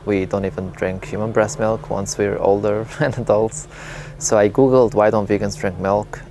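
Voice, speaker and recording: Man, 30s, from Lebanon; low gravelly voice; relaxed, candid interview storytelling. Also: slight background noise. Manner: candid, reflective, with small laughs and fillers. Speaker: interviewee, vegan advocate.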